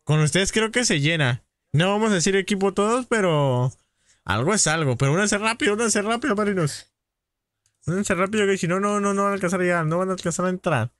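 Casting: streamer with a Mexican accent, somewhat high voice, chummy and casual, dry close mic. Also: male voice, fairly bright tone, dry recording. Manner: chummy, calls viewers "padrino", rapid greetings. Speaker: gaming livestream host. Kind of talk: casual live-stream chat.

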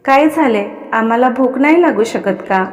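A woman's voice: on the high side, lively intonation, normal speed, long reverb tail, close to an everyday voice. A woman voicing a smug, mocking young husband who teases his wife. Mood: teasing. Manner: smug, mocking, calls himself "we". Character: teasing arrogant young husband, man.

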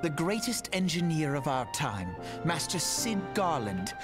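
An actor playing a formal, courteous young scholar in a video game, speaking in a measured way. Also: male voice, on the high side, big pitch swings. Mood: earnest. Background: game music.

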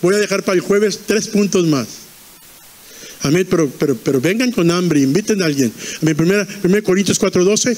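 A man's voice: high-pitched, brisk, darkish tone, big-room sound. A man preaching a fervent sermon in a church, repeating lines and quizzing the congregation.

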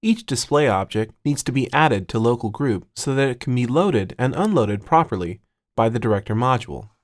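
A man narrates a screencast lesson as the instructor. His voice sits at a middle pitch, and he speaks in a measured, step-by-step way, dictating items piece by piece close to the mic. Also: lively intonation. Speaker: tutorial instructor.

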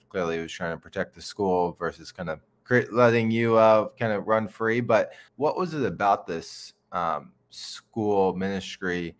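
A man in his thirties with a low voice hosts an interview on a video call. He talks conversationally and a little haltingly, pausing to find his words. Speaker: interview host.

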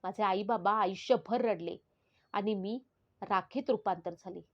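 Murdered schoolgirl's spirit, voiced by a woman, solemn, pleading, mid-pitched, slightly muffled recording. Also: unhurried. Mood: grieving. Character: murdered teenage schoolgirl's spirit, grieving and earnest. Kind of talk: scripted first-person dramatic narration.

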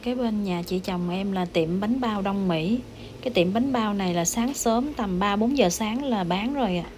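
A woman's voice: medium pitch, moderate pace. A woman with a southern Vietnamese accent chatting casually to viewers as a vlogger while out at a night market. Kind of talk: casual vlog narration and chat. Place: outdoor street market at night. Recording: loud outdoor street and traffic noise.

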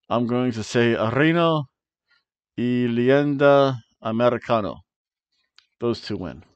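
A middle-aged wrestling show host talks casual predictions to camera through a headset mic in a small home room. He's playful, humming dramatic tunes and rolling his R's on names, in a mid-range voice on a dull, lo-fi, dry recording.

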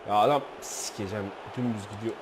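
A man commentating his own football video game, frustrated, shouting and swearing at his players. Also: fairly low pitch, fast talker, noisy background. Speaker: gaming YouTuber.

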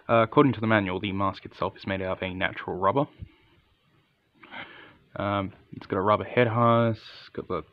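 A man's voice: deep voice, creaky, no echo, dull audio. A man giving a casual, unscripted hands-on product review in an understated, matter-of-fact way.

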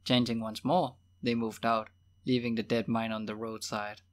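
Guy reading a fantasy audiobook, mid pitch, steady and measured. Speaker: audiobook reader. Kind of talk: audiobook narration.

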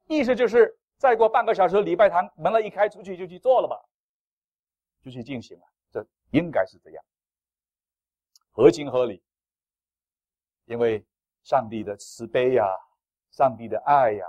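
Animated male pastor preaching. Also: fairly high pitch, no room sound. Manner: animated, playful, self-deprecating humor. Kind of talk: sermon.

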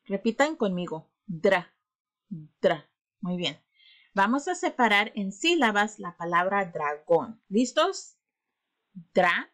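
Very slow-speaking woman teaching phonics. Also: medium pitch, big pitch swings, fairly bright tone. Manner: slow, drawn-out syllables, coaxing children to repeat. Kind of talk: phonics lesson for children.

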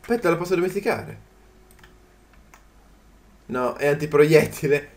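A man giving casual commentary as he plays a video game, chatty and quick to yelp in surprise. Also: fairly high pitch. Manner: chatty, jumps to startled yelps at the game. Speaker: gaming channel host. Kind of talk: let's play commentary.

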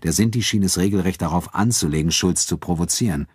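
A man narrating an audiobook in a very deep, low voice. His reading is steady and even, paced for storytelling. The sound is dry and close. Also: fast, slightly rough, dry recording.

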